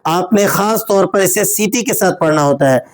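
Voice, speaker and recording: Woman teaching slow letter-by-letter recitation. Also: fairly low pitch. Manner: spells out letters slowly, then explains quickly. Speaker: Quran reading teacher. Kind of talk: step-by-step recitation lesson.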